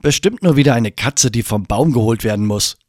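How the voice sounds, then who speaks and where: A man voicing a calm ten-year-old boy who waves things off dismissively. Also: medium pitch, a little fast, no echo, studio quality, natural voice.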